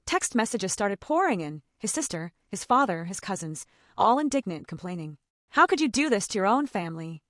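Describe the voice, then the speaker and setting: A woman's voice: fairly high pitch, dry recording, clean studio sound. A woman narrating a first-person drama story in a scripted, dramatic storytelling manner.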